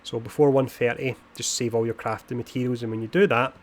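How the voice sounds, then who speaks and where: A man's voice: mid-range voice, fairly even intonation, fast talker. A man streaming a video game, casually explaining its gear system between chatter with players, in a self-described posh voice. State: had a beer. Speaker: gaming streamer. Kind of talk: casual live-stream commentary.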